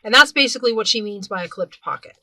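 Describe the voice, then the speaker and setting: A woman with a bright, clear voice talks viewers through a hands-on craft tutorial in a relaxed, chatty way. She narrates while her hands stay busy and often stops to rephrase or correct herself mid-sentence. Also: a little high, fast talker, no room sound. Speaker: craft video host.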